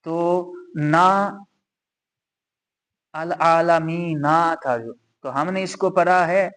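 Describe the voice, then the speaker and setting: Speaking with a Pakistani Urdu accent, a man teaches a Quran reading lesson in a high-sitting voice. It's a slow explanatory session in which he patiently repeats each rule and recites examples slowly.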